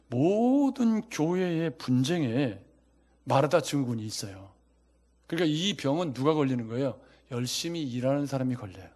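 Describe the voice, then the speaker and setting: Man preaching, lively and chatty, keeps throwing questions at the congregation, mid pitch. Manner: animated, quizzing the congregation. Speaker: pastor. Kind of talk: sermon.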